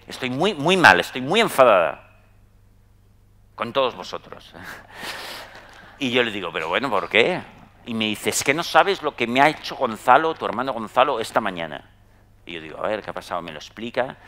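A middle-aged Spanish man speaks to a live audience with a fairly low but bright, forceful voice. He tells stories in a chatty way and keeps checking in with his listeners through quick tag questions. A faint hum of room noise sits behind him. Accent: Spanish, from Spain. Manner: conversational, tag questions, lively storytelling. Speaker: psychologist giving a talk. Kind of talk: anecdotal talk to a live audience.

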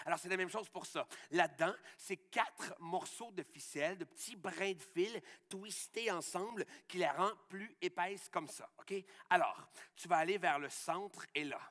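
A Québécois-accented man performs and explains a magic trick for schoolchildren. His voice sits a little high and sounds bright and forceful. He coaches in an upbeat way, asking again and again whether everyone can see. The sound carries a long reverb from a large hall. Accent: Québécois French. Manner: upbeat, coaching step by step, checking often that the audience follows.

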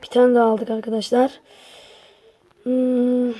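A woman's voice: a little high, little pitch movement, measured pace, mellow. A woman giving casual gameplay commentary to her viewers, grumbling and exasperated as she plays. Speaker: gaming channel host.

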